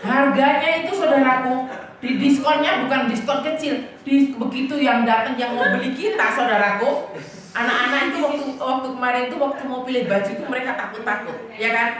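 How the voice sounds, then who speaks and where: A woman pastor with a high-pitched, brisk voice preaches in a lively, casual, chatty style, often laughing as she tells personal stories and repeatedly asking the congregation "right?" The recording is echoey, from a distant mic in a church hall.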